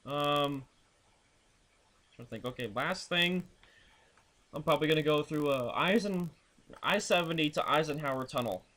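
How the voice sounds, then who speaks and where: A man's voice: on the high side, moderate pace, long pauses, bright, forceful tone. A young man in a video blog, ranting crudely and swearing constantly while telling road trip stories. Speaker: vlogger. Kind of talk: profane ranting vlog.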